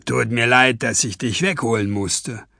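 A man's voice: measured pace, creaky, sharp tone, dry recording. Man playing a dry, commanding skeleton detective. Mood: chiding. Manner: clipped, matter-of-fact, low murmur.

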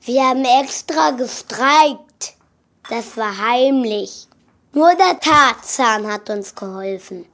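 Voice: mid-range voice, animated, slow, gravelly, fairly bright tone, heavily acted. A performer playing an eager young schoolboy who talks insistently to his mother in a children's audio drama.

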